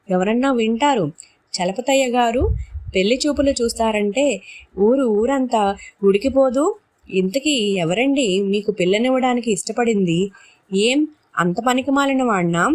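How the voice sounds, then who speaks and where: A woman voicing Yellamma, a teasing village woman. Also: a little high, moderate pace, long pauses, close to an everyday voice. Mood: mocking. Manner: teasing, laughing scorn. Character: mocking sharp-tongued village woman Yellamma.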